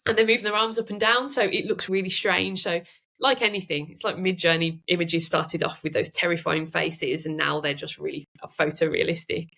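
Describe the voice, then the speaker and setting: A woman guest on a podcast who chats in a lively way and often laughs. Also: fairly low pitch, normal speed, creaky. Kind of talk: casual interview chat.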